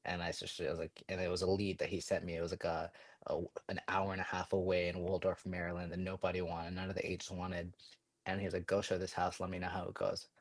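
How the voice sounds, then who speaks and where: A young man in his twenties tells his story as a podcast guest, quick and energetic with plenty of fillers. His voice sits very low and stays flat in pitch. The sound is dry and close, with no room echo. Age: 20s. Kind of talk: casual storytelling.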